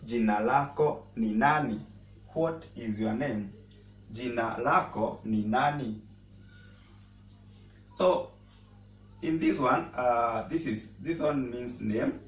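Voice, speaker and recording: A man who speaks natively, teaching a casual language lesson and pausing often to repeat words as he explains. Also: medium pitch. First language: Swahili. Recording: roomy echo, mic at a distance, faint noise.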